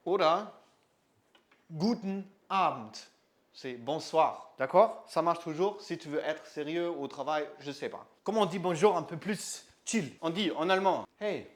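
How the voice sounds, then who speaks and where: A young man from northern Germany teaching German in a casual lesson, slowly repeating words so they stick. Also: on the high side. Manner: slow and patient, repeats words to drill them.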